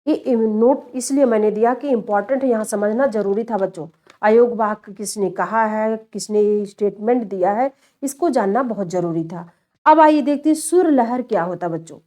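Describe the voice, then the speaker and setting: A woman's voice: medium pitch, moderate pace, warm tone. A female teacher giving a step-by-step lecture, repeating key terms and addressing her students as children. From India. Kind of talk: classroom lecture.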